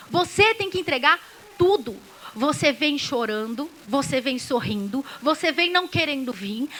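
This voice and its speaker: Woman pastor, Brazilian Portuguese accent, high voice, conversational sermon, acts out dialogues. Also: a bit bright, rough recording. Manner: conversational preaching, acting out little dialogues.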